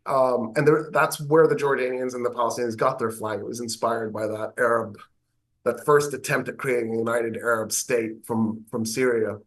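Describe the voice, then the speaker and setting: A man's voice: medium pitch, moderate pace. Man, American accent, interview guest, explains history, wry asides. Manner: animated lecturing with wry asides. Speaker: professor of government.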